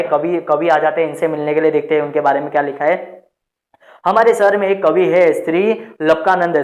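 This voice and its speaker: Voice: medium pitch, darkish tone. A teacher reading a textbook story aloud, repeating each sentence and explaining it in simpler words while talking to the listeners as friends. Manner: rereads each sentence, then restates it in plainer words; addresses listeners as friends, with frequent "let's move on" prompts.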